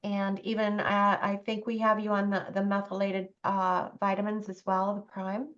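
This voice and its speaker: A woman's voice: medium pitch, monotone, moderate pace, a bit bright. A woman talks over slightly dull, muffled call audio. She rambles and searches for words, choosing what she says with care. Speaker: practitioner on the call.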